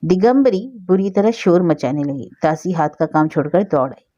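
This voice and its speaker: A woman narrating a story with a steady, expressive reading. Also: on the low side, moderate pace, highs cut off.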